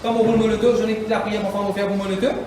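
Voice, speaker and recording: A man preaching a sermon as pastor, with impassioned, repetitive phrasing and shouted bursts. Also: high-pitched, level tone, rapid-fire, background noise. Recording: echoey hall, mic from far off.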